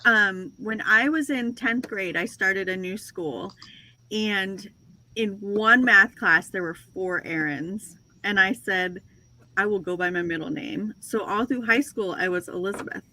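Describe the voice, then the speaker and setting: A woman in her forties hosts a casual reseller livestream, chatting away, poking fun at herself, and laughing often as she tells stories. Her medium-pitched voice is bright and forceful, though the recording quality is low.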